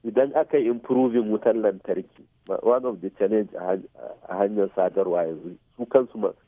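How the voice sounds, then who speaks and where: Husky Hausa-accented man, phone-like sound. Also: lowish voice, brisk, no room sound. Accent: Hausa, Nigerian. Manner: mixes English technical terms into speech; checks listener follows with short tag questions. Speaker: expert guest. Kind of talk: radio interview, explanatory. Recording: muffled phone-like radio sound.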